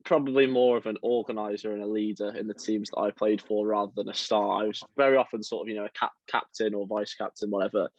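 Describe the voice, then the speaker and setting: A young man from around Liverpool, chatting as a football writer guest in a relaxed, self-deprecating way with lots of fillers. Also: lowish voice, dry recording, highs cut off. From England, around Liverpool. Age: young adult. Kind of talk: casual interview chat.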